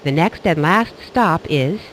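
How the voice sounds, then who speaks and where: A man's voice: on the high side, expressive, a little slow, a bit bright. A man reading a scripted train station announcement, recorded with some train noise behind him.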